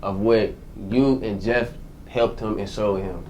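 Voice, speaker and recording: Casual young man, low voice. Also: steady tone, measured pace, warm tone, slight background noise. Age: 20s. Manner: casual, slangy, repeats phrases. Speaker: guest, formerly incarcerated entrepreneur. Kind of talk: casual interview answers.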